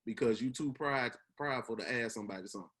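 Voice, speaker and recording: Quick-paced and fairly bright in tone, a mid-range male voice belongs to a Memphis podcast host in his twenties. He speaks with a Southern accent, hosting a casual, earnest chat full of encouragement and slang.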